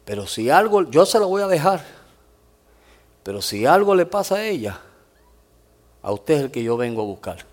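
A threatening, armed father, as a preacher quotes him. He speaks low and quiet with menace, in a fairly high male voice. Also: big pitch swings, moderate pace, long pauses.

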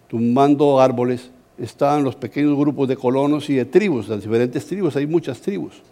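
A middle-aged Colombian man, a pastor, preaching a sermon as an animated, humorous story. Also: medium pitch. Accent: Colombian Spanish.

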